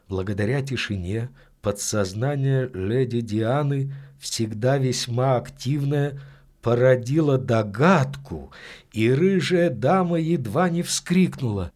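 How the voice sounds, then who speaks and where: A man narrating a literary story in a measured, expressive reading. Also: mid-range voice, husky. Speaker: audiobook narrator.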